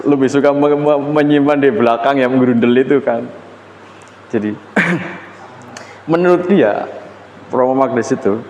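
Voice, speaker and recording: A man's voice: mid-range voice, darkish tone, lo-fi sound. A man giving a university lecture in a classroom, talking in a casual, conversational way with fillers and self-corrections. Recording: echoey classroom, faint room noise.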